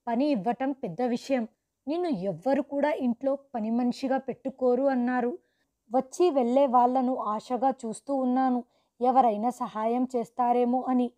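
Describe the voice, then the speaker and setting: A woman narrating a scripted first-person life story in a steady, earnest way. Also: a little high, moderate pace.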